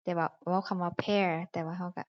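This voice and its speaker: A woman's voice: lowish voice, fairly even intonation, brisk, no echo. A woman from Laos, an English teacher, patiently explaining English pronunciation and vocabulary and repeating each word carefully. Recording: dull lo-fi recording.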